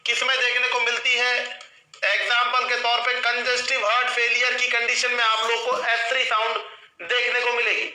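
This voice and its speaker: A man's voice: very high voice, flat delivery, moderate pace, sharp tone, reverberant, rough recording. A man teaching a live online nursing class, who keeps asking his students questions and then answering them himself, and calls them children.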